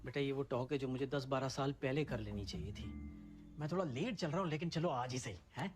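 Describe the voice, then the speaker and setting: A man's voice: mid-range voice, animated, a little fast, lightly acted. An actor playing a fumbling middle-aged father who stammers and lectures his son awkwardly. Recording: film scene with background music.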